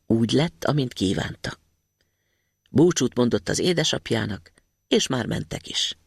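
A man narrating a fairy tale in a storybook reading, expressive and lively. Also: mid-range voice, gravelly, husky, no room sound, studio quality.

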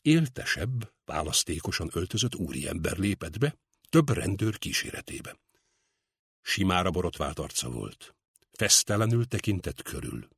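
A man narrates an audiobook with a lively, expressive reading. His voice sits low and sounds husky. The recording is close and dry. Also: dry recording.

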